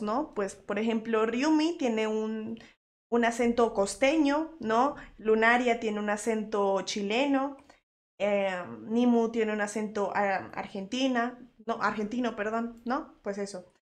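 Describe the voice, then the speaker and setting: A woman from Colombia streaming as a VTuber, reacting and chatting with her viewers in an animated, slangy, teasing way with quick laughs. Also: on the high side. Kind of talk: live stream reaction chat.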